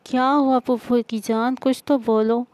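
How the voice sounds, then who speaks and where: A woman's voice: fairly high pitch, steady tone, darkish tone, dry recording, lightly acted. A woman reading the lines of an anxious, doting middle-aged aunt. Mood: worried. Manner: anxious, fussing.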